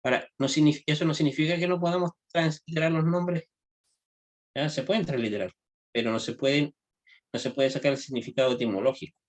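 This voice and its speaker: Male language teacher, slightly high voice, informal classroom lecture, frequent check-ins, halting delivery. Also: fairly even intonation. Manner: checks understanding with frequent tag questions; halting, restarts phrases often. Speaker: Hebrew grammar teacher.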